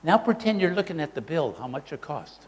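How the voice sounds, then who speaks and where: In a large hall, a workshop presenter with a fairly high voice speaks a little fast. He's animated and demonstrative, modeling voices himself to teach the audience.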